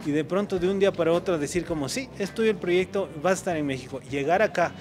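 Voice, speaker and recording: A man's voice: high voice, fast, darkish tone. A man in his thirties with an Ecuadorian accent, answering interview questions in an earnest storytelling way on a city street, into a handheld mic. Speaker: cinematographer, guest. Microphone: handheld microphone held by interviewer. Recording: noisy outdoor street.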